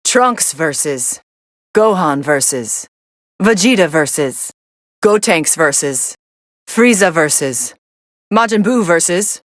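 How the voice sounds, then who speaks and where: Fighting game role: sardonic young android woman, lowish pitch, dry studio sound, dismissive commentary. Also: slow pace, dry recording. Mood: cool, detached. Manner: deadpan, dismissive.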